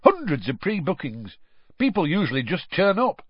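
A man voicing a blunt, suspicious rural campsite owner who speaks loudly and gruffly. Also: sits high, wildly swooping pitch, moderate pace, no room sound, pitched above the performer's own voice, full character voice. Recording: slightly dull lo-fi audio.

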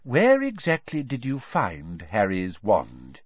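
A man voicing a kind, reasonable middle-aged wizard who speaks calmly and patiently. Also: fairly low pitch, takes it slowly, slightly rough, dry recording, muffled recording, exaggerated voice. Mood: calm reasoning. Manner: calm, patient, gently persuasive.

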